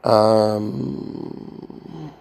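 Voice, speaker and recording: Guy with a gravelly voice rambling on, lots of ums, keeps stopping and restarting. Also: on the low side, darkish tone. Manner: halting, many fillers and restarts, trying to recall. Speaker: vlogger retelling a movie rewrite. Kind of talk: rambling casual monologue.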